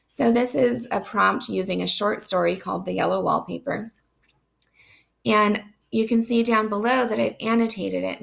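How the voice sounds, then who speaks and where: A woman's voice: medium pitch, fairly bright tone. A woman teaching literature in a recorded online lecture. She is sick and losing her voice, so it sounds strained, and she explains steadily with frequent ums. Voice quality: gravelly, strained voice. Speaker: literature instructor.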